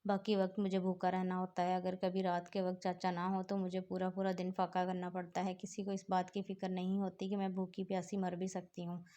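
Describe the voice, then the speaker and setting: A woman's voice: on the low side, monotone, few pauses, mellow, natural voice. A woman reading as a grieving orphan girl. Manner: tearful, pleading.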